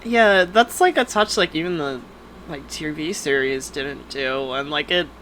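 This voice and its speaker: Chatty lower-voiced woman on a podcast. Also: fairly bright tone, slight background noise. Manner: chatty, many fillers, quick asides. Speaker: podcast co-host. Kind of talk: casual chat.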